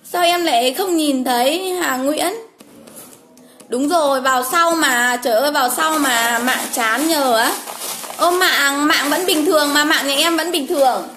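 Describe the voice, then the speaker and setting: A woman's voice: high voice, unhurried, fairly bright tone, a little hiss or hum. A woman, hosting a casual livestream from home, chatty, calling names over and over with frequent exclamations. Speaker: livestream host drawing giveaway winners.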